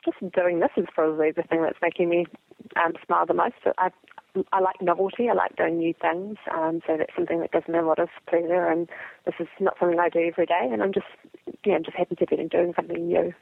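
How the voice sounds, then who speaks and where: A woman's voice: on the low side, little pitch movement, fast, vocal fry, dry recording. A woman from New Zealand with a New Zealand accent, a psychologist answering interview questions in a chatty way, full of ums and likes, over a call. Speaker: podcast guest, psychologist. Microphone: phone or call line. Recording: tinny phone-line audio, dry.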